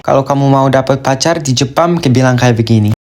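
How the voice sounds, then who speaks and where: A voice announcing each topic with short, flat prompt-style lines. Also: medium pitch, fairly quick.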